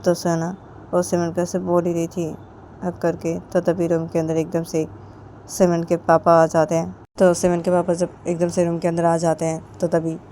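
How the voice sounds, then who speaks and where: A woman's voice: low voice, dark tone, a little hiss or hum. A woman casually narrating a romance story in a plain, repetitive storytelling manner.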